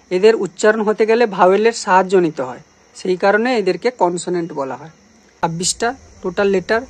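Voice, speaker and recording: A woman teacher explaining English letters and sounds, patiently asking questions and answering them herself. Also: mid-range voice. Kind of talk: grammar lesson.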